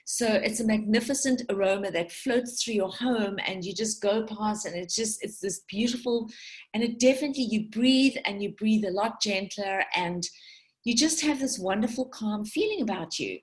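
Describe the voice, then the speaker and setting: A woman in her forties from South Africa chats casually to an online group. Her talk rambles, with tangents, restarts and asides. Her voice sits at an ordinary middle pitch. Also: normal speed. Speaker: essential oils distributor speaking to her team.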